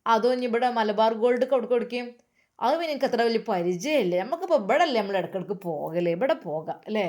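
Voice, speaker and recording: Woman putting on an elderly mother, fussing, affectionate, fairly high voice. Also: animated, fast, a little mellow, natural voice.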